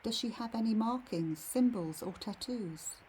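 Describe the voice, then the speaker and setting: A woman leading a guided meditation in a serene, soothing, soft and slightly husky voice. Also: on the high side, a little hiss or hum. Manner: serene, unhurried, soothing delivery.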